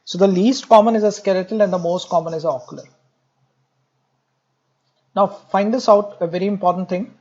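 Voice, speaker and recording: A man's voice: high voice, normal speed, pauses often, a little mellow, dull audio. A man giving a medical lecture, joking with the class and repeating key points.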